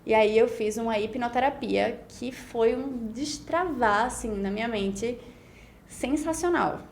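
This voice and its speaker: A woman with a voice on the high side speaks a little slowly, with vocal fry, over a faint hiss or hum. In her 20s and carrying a Pernambuco accent in Brazilian Portuguese, this beauty pageant winner is guesting on a casual podcast, reflecting at length in run-on stretches and often adding "né?".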